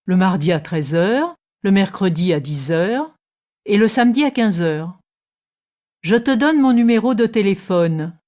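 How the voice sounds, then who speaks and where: A woman reads a scripted textbook dialogue at an unhurried pace. She introduces herself in a friendly way, as a neighbour would, and speaks each phrase clearly. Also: mid-range voice, lively intonation, darkish tone.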